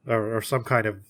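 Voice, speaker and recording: Bright-voiced man chatting on a podcast. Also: on the low side. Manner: chatty, laughs often, puts on quick voices for characters. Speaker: podcast co-host. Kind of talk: casual book discussion.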